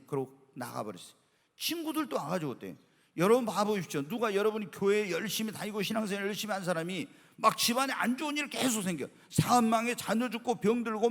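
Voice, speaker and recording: A middle-aged man preaching a sermon as pastor, telling stories in an animated way and acting out quotes. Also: sits high. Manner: animated storytelling with acted quotes. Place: church sanctuary. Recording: long hall reverb.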